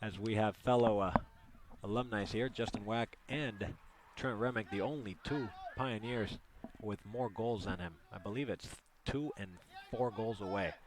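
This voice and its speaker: A man's voice: fairly low pitch, normal speed, noisy background. A man doing live play-by-play commentary, chatty and partisan, joking with listeners as the action unfolds.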